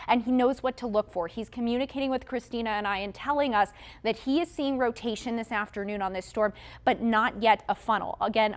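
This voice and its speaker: Urgent woman TV meteorologist, bright pitch. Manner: urgent, explanatory, giving safety instructions. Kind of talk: live breaking weather coverage.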